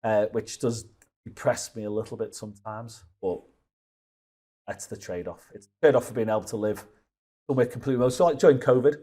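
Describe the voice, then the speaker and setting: Husky-voiced man telling rambling stories. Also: on the low side, brisk, warm tone. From Liverpool, England. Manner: rambling storytelling with frequent restarts. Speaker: guest. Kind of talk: casual conversational interview.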